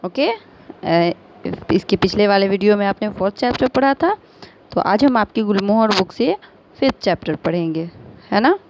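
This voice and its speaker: A woman's voice: mid-range voice, animated, normal speed. A woman teacher with an Indian accent giving a recorded lesson, patiently spelling out words letter by letter and mixing Hindi with English. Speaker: school teacher. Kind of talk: recorded online class lesson. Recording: slightly dull lo-fi audio with faint noise.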